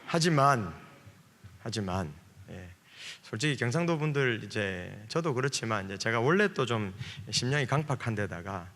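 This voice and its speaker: A male pastor from Busan speaks with a Gyeongsang accent at an ordinary middle pitch. He preaches at a revival service in a loose, chatty way, joking and filling pauses. His voice carries a long reverb through the church's sound system. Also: expressive, fairly bright tone, a little hiss or hum. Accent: Gyeongsang Korean. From Busan, South Korea. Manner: chatty and joking, with many fillers. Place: church sanctuary.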